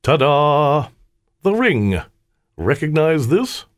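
A man's voice: fairly high pitch, big pitch swings, slow pace, dry recording, clean studio sound, pitched above the performer's own voice. A man voicing a cocky male trickster spirit who taunts with a theatrical, mocking delivery. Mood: taunting.

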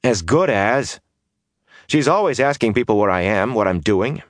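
A man's voice: fairly low pitch, animated, normal speed, dry recording, studio quality, pitched above the performer's own voice, lightly acted. A man voicing a restless, bitter young gambler who complains and grows agitated. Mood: frustrated.

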